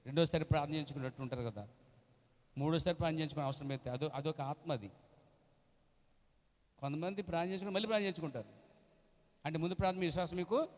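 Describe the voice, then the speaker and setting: A man with a high voice preaches a sermon, swinging from quiet asides to loud acted-out shouts. His voice rings through a church hall with a long reverb. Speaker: pastor.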